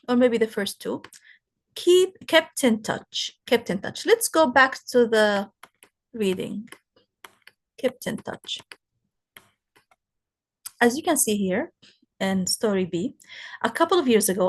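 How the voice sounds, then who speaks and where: Slow-paced teacher, woman. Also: fairly high pitch. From Palestine. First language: Arabic. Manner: slow, explaining, asks rhetorical questions. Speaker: English teacher. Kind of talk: recorded classroom lesson.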